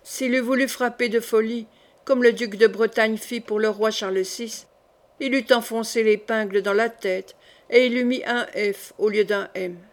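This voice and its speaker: Female reader doing a scheming queen mother, cold and insinuating, slightly high voice. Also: fairly even intonation, moderate pace, natural voice.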